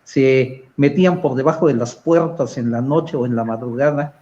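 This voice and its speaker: A man with a Mexican accent speaking as a panelist in a political discussion, measured and analytical, often pausing on hesitant fillers. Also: mid-range voice, mellow, dull audio.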